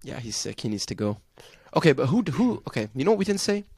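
A young man with a gravelly, creaky voice talks football on a podcast in a blunt, offhand way and swears now and then. His voice sits in a middle range, recorded close and dry. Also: medium pitch, very animated, fast, darkish tone, no echo. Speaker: podcast co-host. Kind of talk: casual football chat.

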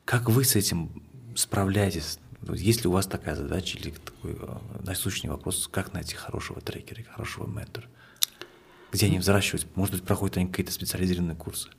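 A man's voice: sits low, quick pace, vocal fry, husky. A man interviewing a guest, asking long questions and murmuring agreement as he listens. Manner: long questions, frequent quiet agreement sounds.

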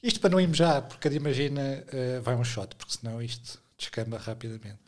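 A man's voice: medium pitch, expressive, fast talker, a little mellow. Playful Portuguese man, rambling podcast talk. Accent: European Portuguese. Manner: playful, rambling, self-mocking. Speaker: podcast co-host. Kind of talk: casual podcast chat.

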